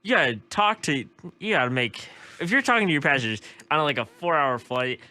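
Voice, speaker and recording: A young man co-hosting a casual chat, joking and teasing his co-host with animated energy. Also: on the high side, fairly quick, no echo.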